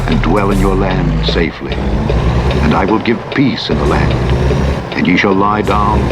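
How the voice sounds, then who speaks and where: Loud truck simulator engine and road noise sit constantly over this audiobook playback. Beneath it, a low-voiced narrator delivers solemn King James Bible scripture, formal, measured and declamatory.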